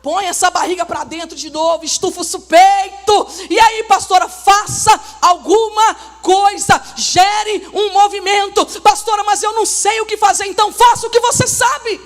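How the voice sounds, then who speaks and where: A woman pastor preaching an emphatic sermon at a conference, often shouting and acting out whiny laments. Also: very high-pitched, steady tone, measured pace, hardly any pauses, faint music behind.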